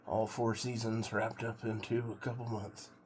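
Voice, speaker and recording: A middle-aged American man from Oregon rambling casually to a vlog in a laid-back, halting, musing way. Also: on the low side, little pitch movement. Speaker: vlogger doing a cold plunge challenge. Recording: clear background noise of water.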